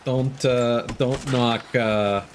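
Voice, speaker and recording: A game streamer with a medium-pitched, steady voice draws out his words as he offers casual live commentary, muttering jokey asides to himself. Video game sound plays clearly in the background.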